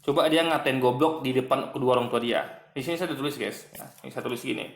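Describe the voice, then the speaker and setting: A man's voice: medium pitch, fast, gravelly, roomy sound. A man giving a casual commentary monologue, arguing and mocking as he addresses his viewers. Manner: argumentative, mocking, repeats "guys" and "gitu kan". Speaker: online commentator.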